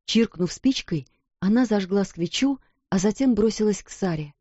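Female storybook reader, measured and calm; dry close mic, dull audio. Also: medium pitch, breathy edge, no echo. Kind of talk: scripted storybook narration.

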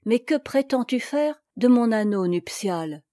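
A dignified noble lady from an old storybook speaks solemnly and formally, as a woman reads her. Her mellow voice is slow and dry, close to the mic. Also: on the high side, expressive, dry recording.

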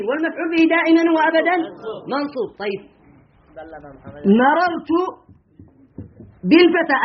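High-voiced Arabic grammar teacher. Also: male voice. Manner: asks students questions and answers them himself, repeats example sentences slowly. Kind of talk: classroom grammar lesson. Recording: dull lo-fi recording.

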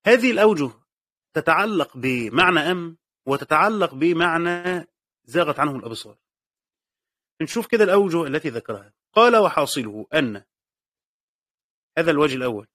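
Fast-talking Egyptian man teaching a lesson. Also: fairly high pitch, fairly bright tone, no room sound, studio quality. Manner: explanatory, repeats phrases, asks and answers own questions. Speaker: teacher of Quranic exegesis. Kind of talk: classroom lesson commentary.

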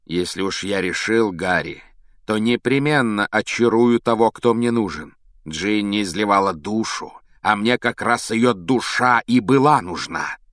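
A sinister teenage wizard , voiced by a man, talks slowly and smoothly with cold mockery. His voice sits fairly low, and the sound is dry and close. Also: animated, fairly bright tone, no echo. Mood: coldly mocking. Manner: smooth, coolly mocking, unhurried. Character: sinister teenage boy wizard, calm and cruel.

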